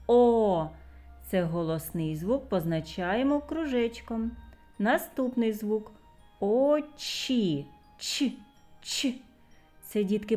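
A preschool teacher, a woman, walks small children through a letter lesson at a very unhurried pace. She stretches out each sound with care. Faint music plays behind her. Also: medium pitch, darkish tone. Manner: slow, careful, drawn-out sounds for children. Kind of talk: literacy lesson for young children.

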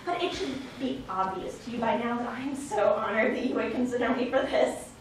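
A woman's voice: fairly high pitch, a little fast, distant mic, slight background noise, close to an everyday voice. An actress playing an overeager, clingy young woman friend who gushes and talks over others, in a stage play. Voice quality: gushing, talks over others, nervous laughs. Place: theater stage. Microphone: far room mic. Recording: echoey stage recorded from afar.

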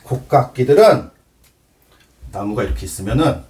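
Man teaching cello, bouncy pitch, voice a bit off-mic, counts stuff out loud. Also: animated, normal speed, distant mic. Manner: explains with props, counting aloud, repeats himself. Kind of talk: demonstration lesson.

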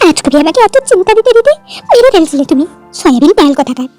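A woman voicing a loud, crude, scolding middle-aged mother in a storybook tale. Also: very animated, fast, no echo, faint music behind. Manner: shrill, crude, insulting.

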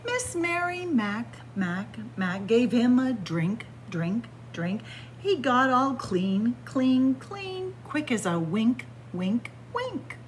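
The recording has some hiss or hum as this sixty-something children's librarian, close to her webcam in a library with bookshelves, reads a picture book out loud. Her voice sits on the high side, with big pitch swings and a slow pace, and she sing-songs the rhymes and adds playful comments.

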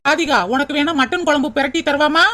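A woman voicing a brisk, capable young daughter-in-law in a cartoon, quick and scolding. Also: high voice, fairly even intonation, natural voice. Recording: loud constant noise with clicks.

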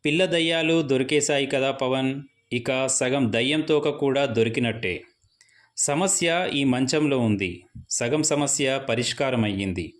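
A man voicing a bold, level-headed young friend in a spoken ghost story, speaking calmly and firmly to reassure the others. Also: mid-range voice, lightly acted. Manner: calm, reassuring, firm.

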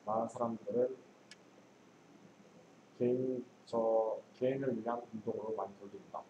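A male student translating English sentences aloud, halting with pauses and restarts. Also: mid-range voice, steady tone, highs cut off. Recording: echoey room with clear background noise.

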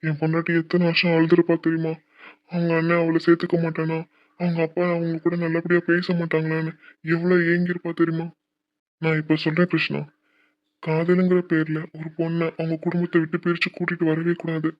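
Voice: medium pitch, monotone, fairly quick, highs cut off, natural voice. A voice actor playing an earnest middle-aged father in a cartoon, lecturing his son about marriage and studies.

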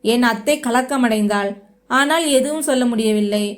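A woman narrating a dramatic first-person story in a steady, scripted way. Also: a little high, moderate pace.

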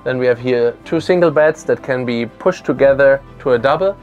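A man in his thirties walks methodically through a motor yacht on a lake, moving across the deck and into the cabins while explaining and listing its features. His voice is medium-pitched, darkish and at normal speed, picked up by a lapel mic with the highs cut off and soft music behind. He presents the boat as a product walkthrough.

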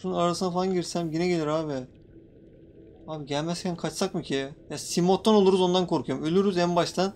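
High-voiced excitable young man gaming. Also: fast, slight background noise. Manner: jumpy, excitable, swearing playfully at in-game creatures. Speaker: gaming YouTuber. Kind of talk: casual Let's Play commentary.

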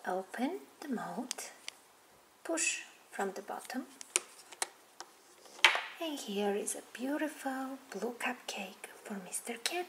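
A woman narrates a doll story in a soft, storytelling manner, her voice high and slow. The camera mic sits over a tabletop. Steady noise runs through the home recording. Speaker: toy video host. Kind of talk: toy play narration.

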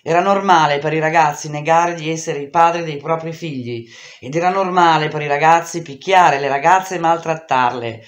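Expressive woman reading a memoir aloud. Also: low voice, normal speed, echoey room, dull audio. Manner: intense, expressive, shouting the dialogue. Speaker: reader. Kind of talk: dramatic audiobook reading.

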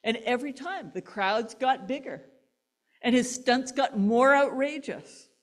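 A woman pastor, delivering a sermon as an animated story and laughing between lines. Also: on the high side, measured pace.

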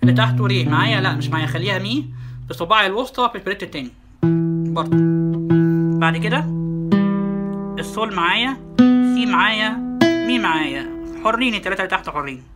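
A man's voice: high voice, fast, pauses often. A man with an Egyptian Arabic accent teaching a guitar lesson, naming notes one by one and repeating them step by step, with guitar notes heard behind.

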